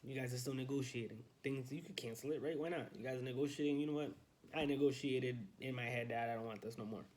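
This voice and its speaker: A young male realtor, medium-pitched with a darkish tone, talks fast in a casual, upbeat morning vlog filmed handheld on his phone in his home study. He's chatty and loose, with plenty of fillers.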